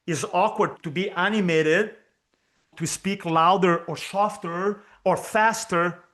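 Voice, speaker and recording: The speaker is a man from Brazil, a native Portuguese speaker with a Brazilian Portuguese accent, whose voice is a little high with a fairly bright tone. Interviewed as a guest over video call, he speaks energetically as a speaking coach, repeating key points for emphasis.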